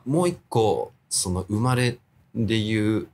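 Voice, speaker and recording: A man's voice: fairly low pitch, expressive, slow, darkish tone, slight background noise. A young man talking casually as an interview guest, laid-back and hesitant, thinking aloud as he goes. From Japan.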